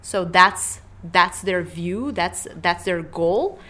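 A woman's voice: fairly low pitch, takes it slowly, pushed and bright. A woman, a political science professor thoughtfully answering podcast interview questions with many fillers and restarts. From Romania.

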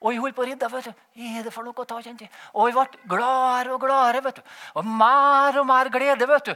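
Man, very high voice, bright and tense tone, rambling spoken testimony, chuckles often. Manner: animated, rambling, frequent "vet du" tag; laughs while telling. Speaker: testimony speaker. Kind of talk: personal testimony.

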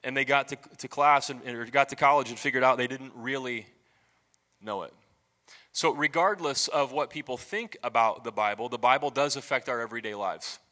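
A man's voice: medium pitch, normal speed, sharp tone, in a large hall. A man preaching a sermon as pastor, talking conversationally and asking the congregation questions.

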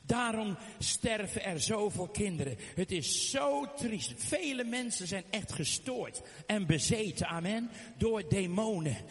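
Fervent high-voiced preacher. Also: male voice, animated, a little slow, hardly any pauses. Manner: fervent, emphatic preaching with frequent amens and hallelujahs. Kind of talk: sermon. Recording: long hall reverb.

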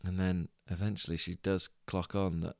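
Slow, gravelly deep-voiced British man. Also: level tone, no echo, studio quality. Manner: rambling, hesitant, many fillers and restarts. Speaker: podcast host. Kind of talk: casual podcast storytelling.

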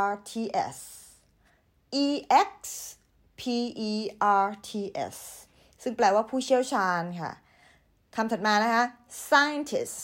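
A woman with a Thai accent teaches English vocabulary at an unhurried, careful pace. Her voice sits at a middle pitch, neither high nor low. She repeats each word and spells it letter by letter, patient and deliberate.

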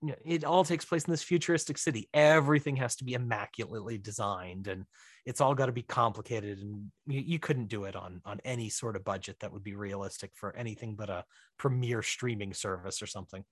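A writer-director appears as a podcast interview guest, chatting casually and explaining things with plenty of asides. His voice is fairly low and his pace brisk, captured in a dry, studio-quality recording.

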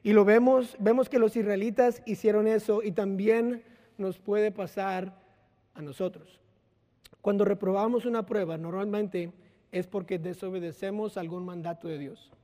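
A man preaches in a loose, conversational way, weaving in personal anecdotes and little acted-out lines. His voice sits high for a man. A long hall reverb trails each phrase. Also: fairly even intonation, moderate pace, warm tone. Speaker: pastor. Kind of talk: sermon.

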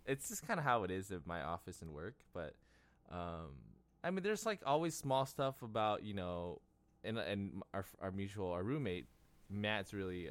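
Young male podcast host, low-pitched, rambling storyteller who laughs often. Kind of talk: casual podcast chat.

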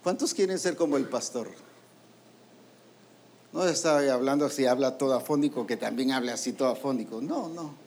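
A man preaching a sermon to ministers, lively and full of rhetorical questions, acting out quoted voices. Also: medium pitch, normal speed, slight background noise.

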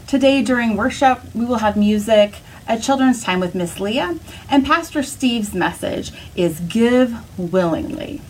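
A woman's voice: on the high side, expressive, measured pace, slight background noise, rough recording. Woman giving church announcements. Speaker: church discipleship director. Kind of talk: welcome and announcements for an online church service.

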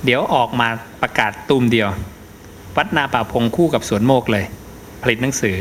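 A man's voice: medium pitch, moderate pace, slight background noise. A middle-aged man, a Buddhist monk, answers a question in an emphatic dharma talk and keeps tagging his points with a short particle. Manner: emphatic, repeats "นะ" as a tag.

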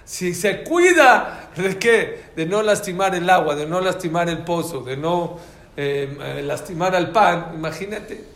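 A man's voice: high-pitched, a little slow, reverberant. A man with a Mexican Spanish accent teaching a religious class, telling stories and quizzing his listeners. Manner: animated, quizzes the audience.

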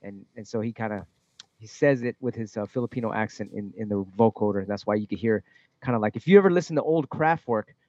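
A man, a music producer, talking in a casual interview, halting and swearing freely as he explains his tracks. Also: on the low side, mellow, dry recording, lo-fi sound.

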